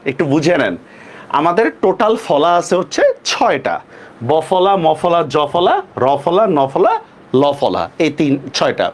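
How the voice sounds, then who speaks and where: Young Bangladeshi male teacher, high voice, questioning and demonstrative, faint background noise. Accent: Bangladeshi Bengali. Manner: questioning, repeats words slowly to demonstrate. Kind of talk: online pronunciation lesson.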